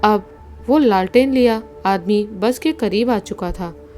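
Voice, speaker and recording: A woman narrating a horror story in a steady, suspenseful storytelling manner. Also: medium pitch, takes it slowly, faint music behind.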